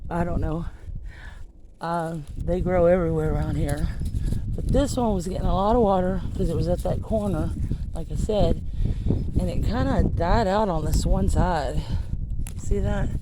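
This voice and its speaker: A woman with a drawl rambles through a garden tour, stopping herself mid-thought and wandering between topics. She talks slowly and easily. Clear outdoor noise from the countryside sits behind her phone recording. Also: lowish voice. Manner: rambling, chatty, self-interrupting. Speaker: gardening vlogger. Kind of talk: casual garden tour chat. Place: outdoors in a rural yard and garden. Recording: outdoor noise from rural surroundings.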